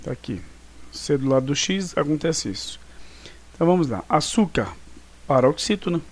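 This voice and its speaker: Man, teacher, recorded online class, chatty and informal, slightly high voice, walks through exercises. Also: big pitch swings, normal speed, slightly rough. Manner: casual, chatty, with many fillers and check-ins.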